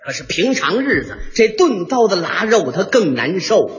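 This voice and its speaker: A man performs comic crosstalk with theatrical, rhythmic punchlines. His voice sits very high and swings widely in pitch. The old stage recording is dull and carries a long hall reverb. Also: very animated, normal speed. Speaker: lead crosstalk comedian.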